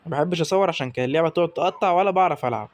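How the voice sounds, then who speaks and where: A young man with an Egyptian Arabic accent giving excitable, exasperated commentary over his own football gameplay. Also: a little high, very fast. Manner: excitable, exasperated, talks to the players on screen. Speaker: gaming YouTuber.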